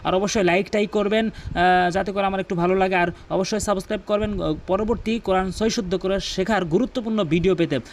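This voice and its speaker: A man with a Bangladeshi Bengali accent teaching correct Quran pronunciation, alternating quick explanations with slow chanted recitation. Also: high voice, steady tone, a little hiss or hum. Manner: explains pronunciation, then recites verses slowly in chanted style.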